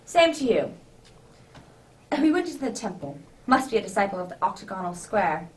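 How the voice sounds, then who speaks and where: A woman's voice: mid-range voice, big pitch swings, fairly quick, distant mic, close to an everyday voice. A woman playing a jovial, flustered male doctor in a Santa suit, hearty and exclamatory, in an amateur radio drama.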